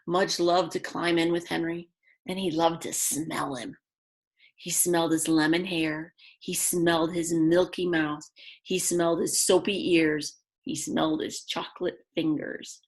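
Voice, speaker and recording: A woman with a lowish voice and flat delivery reads a picture book aloud to young children as a storyteller. She's expressive yet simple, using slow, plain phrasing with dramatic emphasis and chatty asides to her little listeners.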